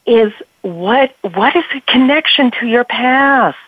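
A woman caller comes through a clipped, tinny phone line, her voice pitched a little high. She talks in an effusive, rambling way. The sound is dry and narrow. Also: animated, slow, slightly rough, no room sound. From Massachusetts. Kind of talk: call-in chat.

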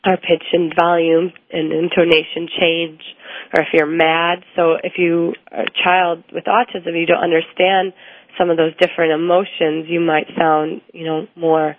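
A woman's voice: fairly low pitch, level tone, moderate pace, no room sound. A woman speech therapist answering interview questions at length, explaining things with frequent ums and restarts. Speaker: speech language pathologist guest. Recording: tinny phone-like line, dry.

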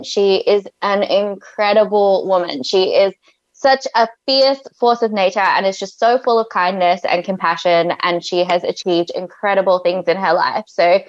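A woman's voice: mid-range voice, no room sound. A woman hosting a radio interview in an effusive, conversational way. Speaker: radio show host, interviewer. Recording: slightly dull, band-limited audio.

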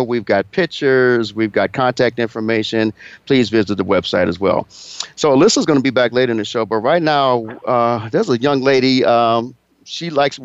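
A man's voice: mid-range voice, clean tone, dry recording, highs cut off. A man hosting a radio interview show, chatting casually and often stumbling over and repeating his words. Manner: stammering, repeats words when flustered.

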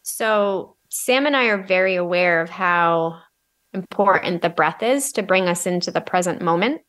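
A woman's voice: on the low side, moderate pace, a bit bright. A woman co-hosting a podcast, talking conversationally in a reflective, earnest way as she explains things. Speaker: podcast co-host.

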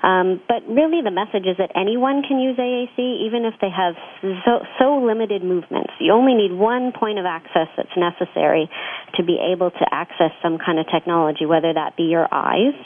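A woman's voice: medium pitch, fairly quick. A woman speaking informally as an expert guest, explaining things in an interview. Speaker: expert guest on assistive communication technology. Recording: dull, lo-fi phone or radio sound.

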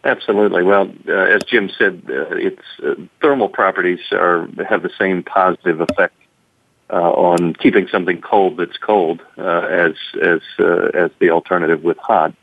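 A man giving halting, measured explanations as a guest in an interview, over a thin phone-like connection. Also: low voice, steady tone, vocal fry, no echo. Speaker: company representative, interview guest. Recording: thin phone-line sound.

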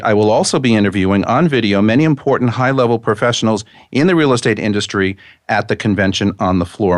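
Low-voiced male host, close dry sound. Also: dry recording. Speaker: radio show host. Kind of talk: hosting, reading prepared notes with asides.

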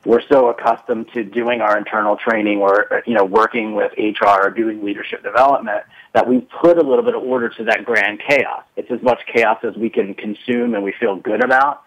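A man's voice: mid-range voice, a bit bright, husky, highs cut off. A man speaking as a panel guest, talking loosely with many fillers and restarts. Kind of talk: casual discussion.

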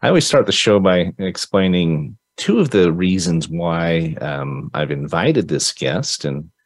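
A man's voice: sits low, expressive, measured pace, no room sound. A man hosting a casual interview podcast, praising his guest in an effusive, rambling way with many restarts. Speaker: podcast host.

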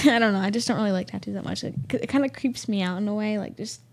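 A woman's voice: medium pitch, a little fast, gravelly, a little mellow. A teenage girl co-hosting a student radio show in casual chat, giggly and full of fillers like "like" and "um". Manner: chatty, giggly, filler-heavy with lots of likes and ums.

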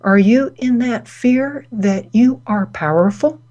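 Slow, deliberate woman giving a talk. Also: on the high side, mellow, dull audio. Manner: slow, deliberate, pausing between phrases. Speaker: host. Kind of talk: spoken wellness talk.

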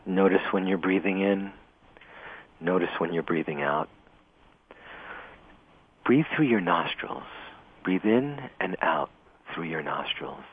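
Low husky man guiding meditation. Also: lively intonation. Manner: slow, gentle, soothing guidance. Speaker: meditation teacher. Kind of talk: guided meditation. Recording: narrow phone-like radio broadcast.

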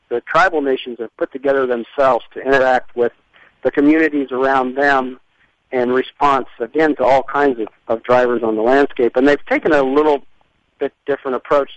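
A man with a head cold explaining things as an expert radio guest, halting, thoughtful and long-winded. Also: mid-range voice, steady tone, no room sound. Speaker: interview guest, environmental scientist. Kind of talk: explanatory radio interview talk. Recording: dull lo-fi radio sound.

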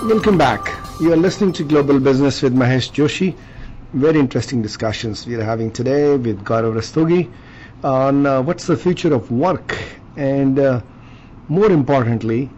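Mellow male radio host, dull noisy line. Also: mid-range voice, normal speed, faint music behind. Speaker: radio talk show host. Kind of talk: conversational interview hosting. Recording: dull lo-fi line with faint noise.

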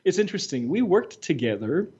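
An older man from Montreal, Quebec, whose first language is French, answers interview questions with an articulate, steady flow. His voice is dark and mellow yet fairly high, with a breathy edge, and the recording sounds dull.

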